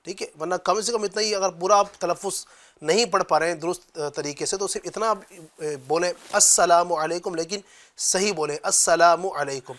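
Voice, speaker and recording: A man hosting a religious talk show, who speaks in a measured, instructive way and slows down to spell out phrases. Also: high voice, a bit bright. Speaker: host.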